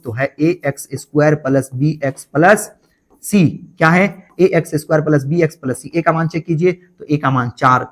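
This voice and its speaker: A male math teacher explains a problem step by step. He keeps asking the class questions and answering them himself, repeating the key points. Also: a little high. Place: online class, voice over board writing.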